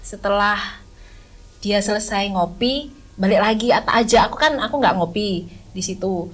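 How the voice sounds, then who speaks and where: A woman, a podcast guest who recalls a camping trip in a casual, halting way, often stopping to search for words. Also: mid-range voice, poor audio. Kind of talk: casual spoken recollection.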